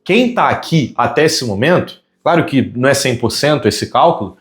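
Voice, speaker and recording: A Brazilian man and communication consultant giving a conversational teaching monologue to camera, asking many rhetorical questions and slowing down on key words. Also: medium pitch, lively intonation. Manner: self-described fast talker.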